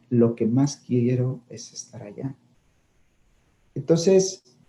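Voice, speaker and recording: Middle-aged male priest, very warm dark timbre; reflective conversational homily. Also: medium pitch. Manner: reflective, often checks in with listeners with tag questions. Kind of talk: conversational talk on grief.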